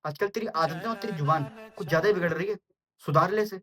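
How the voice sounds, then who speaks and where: A man playing a short-tempered, foul-mouthed middle-aged father who rants insults, with loud music behind. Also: high voice, fast, a crowd in the background, close to an everyday voice. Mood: ranting. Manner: abusive, shouting insults. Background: loud background music.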